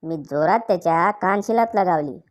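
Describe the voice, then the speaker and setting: A woman reading a string of short jokes aloud in a slow, measured storytelling way. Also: lowish voice. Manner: slow, measured storytelling with canned laughter breaks. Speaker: joke narrator.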